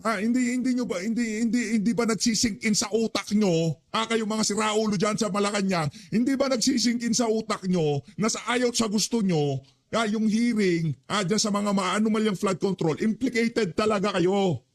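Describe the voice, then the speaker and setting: A man's voice: high-pitched, normal speed. Angry ranting commentator man. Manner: angry, scolding, curses. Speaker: news commentator.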